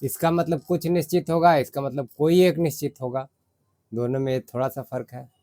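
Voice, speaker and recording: A man with an Indian accent teaching English grammar in Hindi, explaining step by step and reading English example sentences slowly. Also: medium pitch, mellow.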